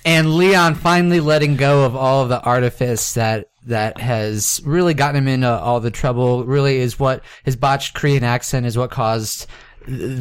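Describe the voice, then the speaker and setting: A man's voice: mid-range voice, smooth. A man playing a tabletop game, improvising the story in a casual, conversational way.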